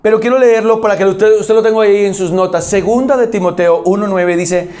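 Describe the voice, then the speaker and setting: A male pastor delivers a sermon to a congregation. His voice sits notably high for a man, and he presses each point hard. He keeps asking the room rhetorical questions. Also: fairly even intonation, brisk, darkish tone. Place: church auditorium.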